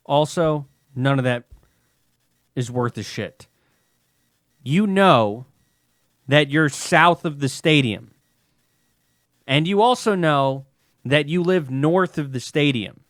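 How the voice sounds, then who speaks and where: A man's voice: a little high, animated, takes it slowly, pauses often, fairly bright tone, dry recording, studio quality. Exasperated, teasing man. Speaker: podcast co-host. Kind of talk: casual chat.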